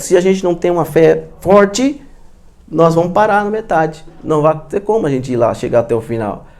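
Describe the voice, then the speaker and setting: A Brazilian man preaching a sermon in church, earnest and repetitive, often addressing his listeners as beloved. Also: on the high side. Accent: Brazilian Portuguese. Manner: earnest, repeats "amados", drops into quiet emphasis. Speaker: pastor.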